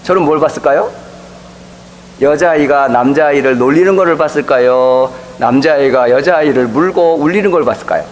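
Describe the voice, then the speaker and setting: A middle-aged man preaches a sermon from the pulpit, his voice sitting fairly high for a man. He tells stories in a lively way and briefly acts out the people he quotes. A faint hum runs under the recording. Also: a little fast, poor audio. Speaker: pastor. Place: church sanctuary.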